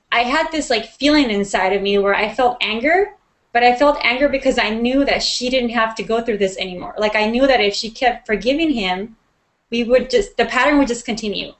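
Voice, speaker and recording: A woman's voice: mid-range voice, fairly bright tone. A woman from Mexico, a guest in an interview, telling her personal story in an earnest, reflective way with frequent ums.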